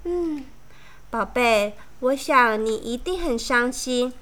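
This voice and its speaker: A gentle queen mother from a storybook speaks softly to her child, as a woman reads her lines. Her high, bright voice is tender and unhurried. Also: animated. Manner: soft, tender, soothing.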